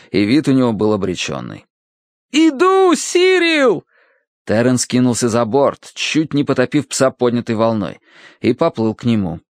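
Animated male audiobook narrator. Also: medium pitch, dry recording, studio quality. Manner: lively, expressive comic storytelling. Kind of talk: scripted narration.

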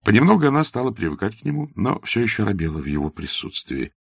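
A man narrating a classic novel as an audiobook in a measured, even reading. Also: on the low side, vocal fry, slightly rough, no room sound, clean studio sound. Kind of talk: scripted literary narration.

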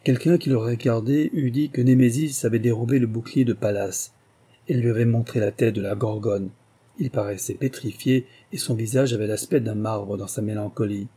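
A man narrating a classic novel as an audiobook in a measured, literary reading. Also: medium pitch, fairly even intonation, warm tone, slightly rough. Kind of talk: scripted narration.

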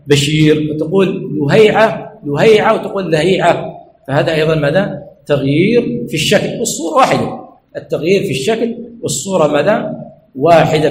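A sheikh gives a brisk classroom lesson, his voice pitched high and his words coming fast. He keeps asking "what?" and then supplies and repeats the answer himself. The recording sounds echoey, with faint noise in the background. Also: darkish tone. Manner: asks rhetorical questions and repeats answers. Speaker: sheikh teaching hadith terminology. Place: teaching center classroom.

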